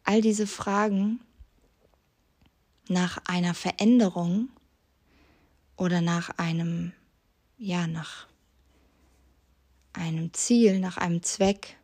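A woman hosting a solo podcast, talking directly to the listener in an earnest, gentle way and posing many self-reflection questions with frequent restarts. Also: on the low side, fairly even intonation, slow, long pauses. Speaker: podcast host.

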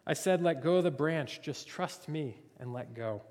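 A man voicing God in a joke, speaking calmly and reassuringly. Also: a little high, moderate pace, in a large hall, a little hiss or hum, natural voice. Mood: firm. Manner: calm, reassuring. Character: calm, gently amused male God voice.

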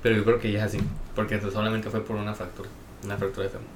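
A man's voice: on the low side, level tone, racing, a little hiss or hum. A man with a Mexican accent, a nurse, chatting casually on a podcast in slangy speech full of filler words. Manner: slangy, peppers speech with "güey", laughs while telling stories.

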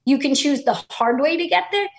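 A woman's voice: high voice, brisk. A woman in her thirties in a casual motivational chat, encouraging listeners and acting out what people tell her. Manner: encouraging, animated, acts out quoted people.

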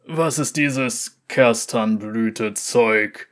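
A man voicing a huge, scarred, brawny brewer who rumbles gruff and blunt. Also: drawn-out words. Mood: puzzled.

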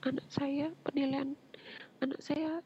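A woman, earnestly telling her personal story as an interview guest, often dropping into a soft breathy whisper. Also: high-pitched, flat delivery, unhurried. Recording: muffled lo-fi with faint background noise.

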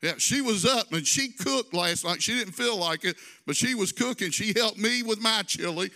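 A man's voice: sits high, moderate pace, creaky, bright, forceful tone. A male pastor preaching a conversational sermon, drawing phrases out in a sing-song and adding folksy asides.

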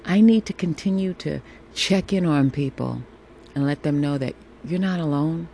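A woman hosts an encouraging solo podcast from home, her low, gravelly, mellow and sultry voice moving at a moderate pace. Speaking into a phone, she reassures with repeated phrases, and a faint air conditioner hum runs behind her.

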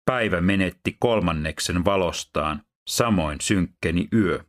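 Deep-voiced man reading scripture. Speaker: Bible reader and teacher.

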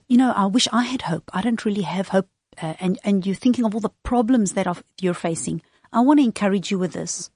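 A woman giving an earnest, encouraging motivational radio talk, addressing the listener directly in halting, emphatic phrases. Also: mid-range voice, a little mellow, slightly rough, dry recording, clean studio sound. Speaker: radio speaker and host of a weekly values talk.

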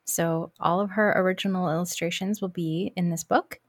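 A woman's voice: on the low side, fairly even intonation, normal speed, no echo, studio quality. A woman hosting a podcast, chatting casually with a guest in a gushing manner. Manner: warm, gushing, with restarts. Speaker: podcast host. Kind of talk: casual interview chat.

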